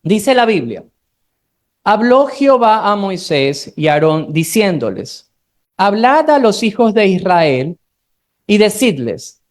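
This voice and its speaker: A preacher from Ecuador speaks with a Guayaquil accent in a mid-range voice. They teach a Bible study sermon, slowing down to read scripture and turning to the congregation with casual, conversational asides. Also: mid-range voice, very animated. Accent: Guayaquil Ecuadorian Spanish. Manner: slows down when reading scripture aloud, conversational asides to the congregation.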